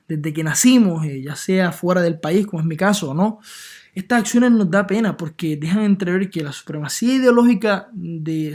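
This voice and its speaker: A man's voice: sits high, darkish tone. A man from Puerto Rico with a Puerto Rican Spanish accent, giving an earnest opinion monologue full of hesitations and filler sounds. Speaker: political commentator.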